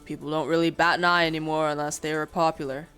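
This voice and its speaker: A woman's voice: deep voice, level tone, fast, fairly bright tone, clean tone, faint music behind. A woman voicing a blunt, irritable tavern keeper, reading his lines aloud from a story. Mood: stern. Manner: snappy and blunt.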